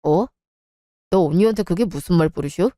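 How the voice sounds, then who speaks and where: A woman's voice: lowish voice, a little fast, warm tone, no echo, studio quality, lightly acted. Woman playing an exasperated young husband. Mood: firm. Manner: frustrated, pleading. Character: young married man, exasperated husband defending his wife. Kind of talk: Korean radio drama.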